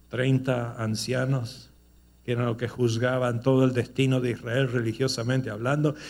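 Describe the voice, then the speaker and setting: A man's voice: medium pitch, a little mellow. A man preaching, moving from storytelling into emphatic rhetorical questions. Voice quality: gravelly. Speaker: pastor. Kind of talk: sermon.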